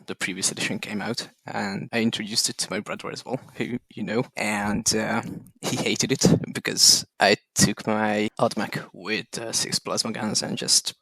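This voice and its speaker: Gravelly-voiced man, calm and dry. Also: fairly low pitch, normal speed, few pauses, no echo, poor audio. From Hungary. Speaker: guest, tournament champion. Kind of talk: casual podcast chat.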